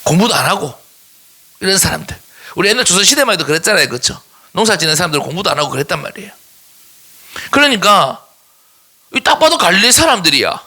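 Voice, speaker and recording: A man with a Daegu accent preaching a sermon to teenagers as a youth pastor, animated and teasing, and pausing to tell them what to write down. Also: sits high, husky. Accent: Daegu Korean. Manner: animated and teasing, jokes with the young listeners; gives note-taking instructions in a classroom way.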